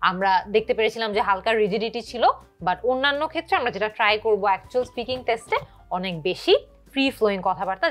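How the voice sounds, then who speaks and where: Young woman from bangladesh, ielts teacher, talks fast and a bit high, faint music behind. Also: fairly bright tone. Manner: brisk, mixing Bengali with English terms. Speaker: IELTS instructor and examiner. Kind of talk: explaining exam scoring, then asking test questions.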